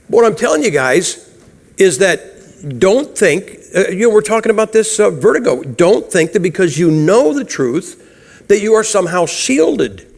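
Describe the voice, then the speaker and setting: A man preaching a sermon in a church, blunt and emphatic, chuckling through his stories. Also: high-pitched. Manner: humorous, chuckles through anecdotes. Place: church sanctuary. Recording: long hall reverb.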